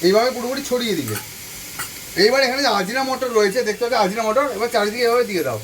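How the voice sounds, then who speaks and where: Over frying sizzle and stirring, a home cooking host talks to his viewers right from his kitchen stove, walking them through a recipe step by step and repeating each instruction. His voice is extremely high-pitched, expressive, very fast and a bit bright, caught off the mic from a distance with a little hiss or hum.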